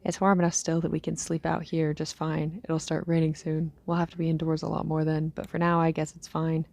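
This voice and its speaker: A woman acts out a weary young female survivor speaking into a recorder for an audio drama diary. Her voice is low, dark and mellow, with heavy vocal fry. She muses haltingly and low-key, her phrases trailing off breathily. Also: completely flat delivery. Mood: resigned. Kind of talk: scripted audio diary monologue, fiction drama.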